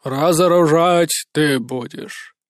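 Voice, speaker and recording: A man putting on a slow, gruff president. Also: dry recording, clean studio sound. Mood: commanding. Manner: slow, low, commanding drawl.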